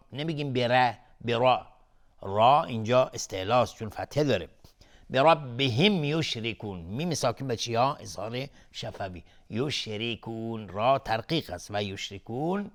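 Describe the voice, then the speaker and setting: On a television lesson, a man teaches the rules of Quran recitation, patiently explaining each one and splitting words into syllables. He alternates this plain explanation with slow chanting of the verses, raising his voice to a higher, louder, melodic tone.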